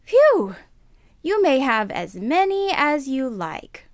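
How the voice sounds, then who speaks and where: A woman voicing a kind, timid little girl in a children's puppet show, sweet and deliberate. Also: high voice, big pitch swings, dry recording, clean studio sound, exaggerated voice. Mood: relieved, polite.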